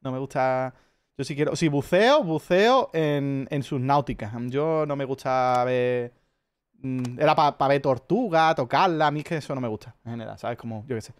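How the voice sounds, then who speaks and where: A man's voice: medium pitch, normal speed, clear, resonant tone. A man with an accent from Spain, chatting casually as a streamer, telling rambling stories full of swearing. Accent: Spanish from Spain. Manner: profane, rambling storyteller. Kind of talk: casual chat.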